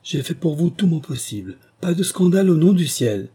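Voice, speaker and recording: A man's voice: mid-range voice, normal speed, darkish tone, slightly rough, lightly acted. A man reading the part of a nervous marquise who implores and makes excuses. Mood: imploring. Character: nervous noblewoman hostess, a marquise.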